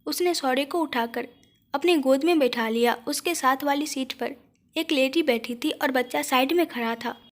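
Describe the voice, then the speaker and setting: A woman narrating a scripted audio story in an expressive, steady storytelling manner. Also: high-pitched, moderate pace.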